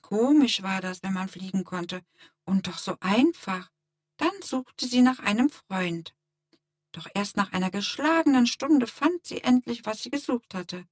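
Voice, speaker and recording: Gentle woman reading a children's story. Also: mid-range voice, expressive, unhurried, no echo, clean studio sound. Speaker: narrator. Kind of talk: scripted narration of a children's story. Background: soft music.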